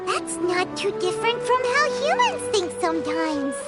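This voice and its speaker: Super high squeaky little game sidekick, bouncy, all over the place. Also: female voice, big pitch swings, moderate pace. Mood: curious. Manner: blurts questions, talks about herself in third person. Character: tiny floating female companion, chatty and excitable. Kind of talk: video game voice acting. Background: game music.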